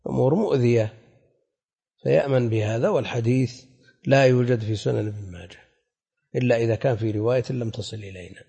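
A scholar teaches a religious class in a didactic yet conversational manner, frequently posing questions to his students. His mid-range voice is gravelly, dark, and slightly rough, and the recording comes from an echoey hall with long reverb.

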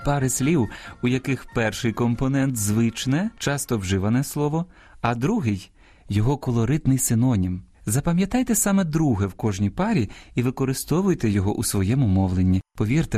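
A man hosting a radio language program, reading a scripted lesson in a measured, teacherly way and speaking straight to his listeners. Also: medium pitch, a little mellow, no echo, studio quality. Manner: measured, didactic, addresses listeners directly.

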